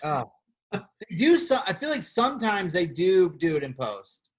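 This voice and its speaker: This co-host's high, husky voice takes its time as he banters on a laid-back podcast, peppering his talk with fillers and occasional cursing. His gossip reading is lively and teasing, very much casual conversation.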